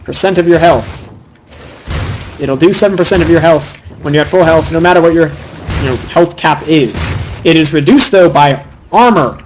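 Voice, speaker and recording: A young man giving fast, opinionated solo commentary on a video game match, critiquing the players' item choices. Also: fairly high pitch, slight background noise, poor audio. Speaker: game caster.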